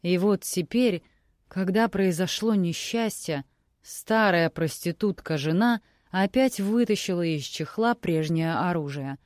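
A woman narrating an audiobook novel in a measured, expressive reading. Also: lowish voice, no room sound, clean studio sound. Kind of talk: scripted narration.

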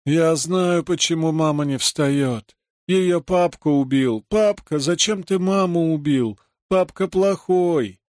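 A man's voice: a little high, slow pace, darkish tone, no echo, studio quality, voice pushed up. A man reading aloud and voicing a whiny, tearful little girl who sobs and pleads. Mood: wailing. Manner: whiny, sobbing pleas.

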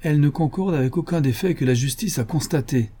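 A man's voice: a little high, a little fast, dark tone, slightly rough, pitched above the performer's own voice. A man voicing an irritable, impatient aristocratic count in an audiobook, sneering at a guest's theory. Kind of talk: audiobook character reading.

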